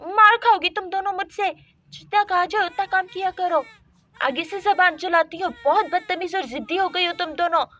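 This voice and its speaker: A woman's voice: extremely high pitch, moderate pace, fairly bright tone. A woman voicing a stern mother who scolds and threatens her two daughters in a doll story. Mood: scolding.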